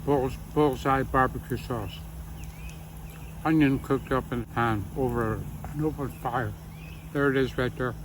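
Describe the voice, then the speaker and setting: An older man with a phlegmy throat at an outdoor campsite, giving short, easygoing replies and clearing his throat often. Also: medium pitch, fairly even intonation, unhurried, background noise. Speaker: camping vlog co-host. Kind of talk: casual chat.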